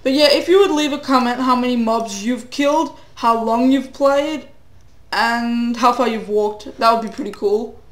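A teenage boy with a cold plays a game while giving rambling, self-deprecating commentary with sing-song asides, his voice getting hoarse. His very high-pitched, fairly bright voice moves at a moderate pace in an echoey room.

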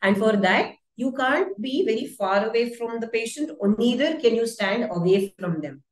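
A woman's voice: a little high, animated, moderate pace, roomy sound, poor audio. A woman teaching a physiotherapy webinar in a conversational style, asking her listeners rhetorical questions as she explains. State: voice dry, briefly croaky. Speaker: physiotherapy lecturer. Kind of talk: webinar lecture.

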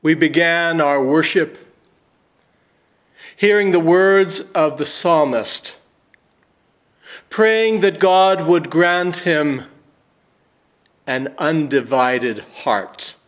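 A man in his sixties, a pastor, reading scripture and praying in a slow, measured, emphatic way in a church sanctuary. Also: on the high side, fairly bright tone.

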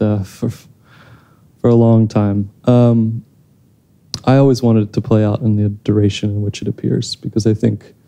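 A thoughtful man in his thirties answers audience questions after a film screening, often restarting his sentences. His voice is very dark and low, with an even, unvaried pitch, heard through a handheld mic on a theater stage. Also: vocal fry. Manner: thoughtful, hesitant, many restarts. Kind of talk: post-screening Q&A.

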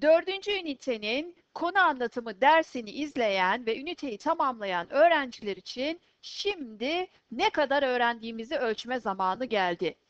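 Woman teacher doing a vocab lesson, kinda high voice, dull lo-fi dry sound. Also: lively intonation, dry recording. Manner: slow, clear pronunciation drills, each word repeated. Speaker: English teacher. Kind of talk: recorded English vocabulary lesson.

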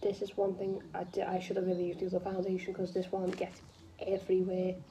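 A young woman vlogger from northwest England chats casually to camera while doing her makeup at home, rambling and poking fun at herself. Her voice is lowish, dark and fast, with a completely flat delivery. She's recorded indoors on a phone propped close in front of her.

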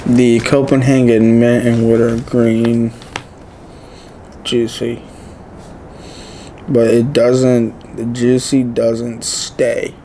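A man casually reviewing a tobacco product with dip in his lower lip, drawn-out and laid-back, repeating words. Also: monotone, mellow, a little hiss or hum.

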